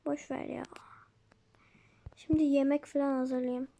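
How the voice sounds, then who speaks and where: A woman voicing a busy, bossy mother in a Toca Life game role-play, brisk and scolding. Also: sits high, level tone, creaky, mellow, voice pushed down.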